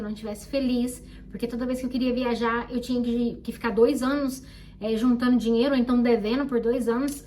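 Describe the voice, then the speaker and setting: A young Brazilian woman telling her own story in a casual, animated way and acting out the people she quotes. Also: high-pitched, far from the mic, a little hiss or hum. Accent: Brazilian Portuguese. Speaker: vlogger.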